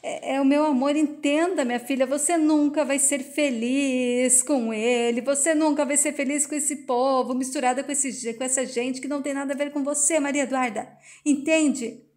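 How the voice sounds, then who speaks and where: A woman's voice: sits high, steady tone, moderate pace, a little mellow, close to an everyday voice. A woman voicing a distraught father who pleads and repeats himself, reading his lines in a retold soap scene. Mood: pleading. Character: distraught father refusing to give daughter away.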